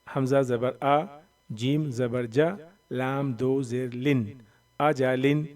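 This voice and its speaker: A man teaching Quran reading, slowly sounding out letters and syllables, drawing out the long vowels, with a voice that cracks when he strains it. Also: mid-range voice, fairly even intonation, darkish tone, far from the mic. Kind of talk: Noorani Qaida recitation lesson.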